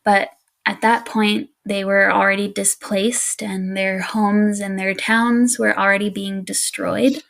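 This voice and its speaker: This woman co-hosts a podcast, telling a spooky story casually with an easygoing, relaxed manner, plenty of laughs and fillers. Her medium-pitched voice has vocal fry, and she takes it slowly.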